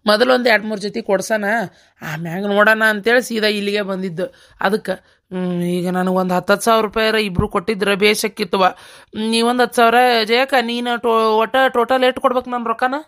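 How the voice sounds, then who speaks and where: Woman playing a broke young village guy, north karnataka accent, pleading, normal pitch. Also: fairly even intonation, a little fast, a bit bright, lightly acted. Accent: North Karnataka Kannada. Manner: pleading and coaxing. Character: young village husband, hard up and begging money. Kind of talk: cartoon voice acting.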